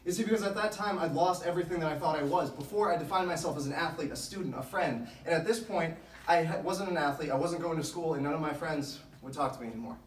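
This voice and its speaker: This is a man with a slightly high voice, a motivational speaker addressing a sports team. He recounts his story in an earnest, deliberate way, putting stress on key phrases. A distant microphone in an echoey room gives a very roomy sound, with a little hiss or hum.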